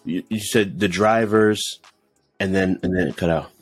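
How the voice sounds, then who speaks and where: A man's voice: low-pitched, normal speed. A man hosting an interview, encouraging his guest with affirming interjections and stammered restarts as he frames his questions. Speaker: podcast host.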